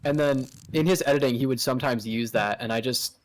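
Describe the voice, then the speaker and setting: A man's voice: mid-range voice, fast talker, slight background noise. A man co-hosting a casual podcast chat with friends, telling a story in an easygoing way. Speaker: podcast co-host.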